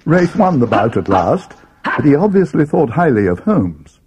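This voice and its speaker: An actor playing Watson, a schoolboy's companion recounting a mystery as scripted storybook narration. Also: male voice, mid-range voice, sing-song, moderate pace, darkish tone, a little hiss or hum, lightly acted. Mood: measured, grave.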